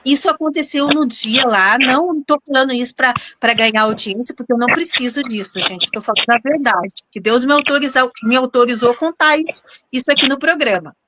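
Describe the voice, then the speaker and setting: Dramatic high-voiced woman host. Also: brisk, hardly any pauses, a little hiss or hum. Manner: dramatic, animated storytelling, often addresses the audience. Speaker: show host and interviewer. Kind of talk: storytelling to an audience.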